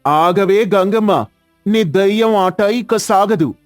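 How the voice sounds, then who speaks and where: An earnest young village doctor speaks firmly and with resolve in a storybook tale played by a man. The voice is slightly high and clear, recorded dry and close, with faint music behind. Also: moderate pace, a little mellow, no room sound, lightly acted. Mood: accusing. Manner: firm, earnest.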